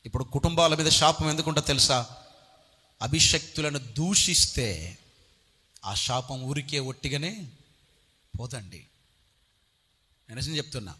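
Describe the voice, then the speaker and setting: A man preaching a sermon as pastor, swinging from quiet talk to shouted appeals. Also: mid-range voice, unhurried, long pauses, big-room sound.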